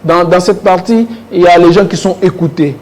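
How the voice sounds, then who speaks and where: Speaking fairly quickly in a high-sitting, somewhat dark voice, a Congolese-accented panelist weighs in on a French political debate. He tends to repeat words as he gropes for phrasing, and the studio audio is clearly noisy.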